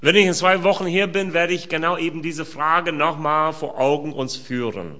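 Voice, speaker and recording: A man's voice: fairly high pitch, normal speed, bright, forceful tone. A man preaching a sermon, reading scripture and asking his listeners direct questions. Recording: dull lo-fi sound.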